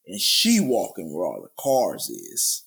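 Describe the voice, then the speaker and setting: A man's voice: deep voice, a little slow, creaky. A young man from Georgia, co-hosting a podcast in casual, profane, joking banter. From Georgia, US South. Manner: animated, profane, joking boasts. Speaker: podcast co-host.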